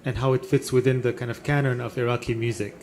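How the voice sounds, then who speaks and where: A man's voice: mid-range voice, fairly even intonation, darkish tone. A man hosting a podcast interview on stage at a live venue, speaking with many fillers. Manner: filler-heavy, halting. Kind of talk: onstage interview. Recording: roomy venue with audience.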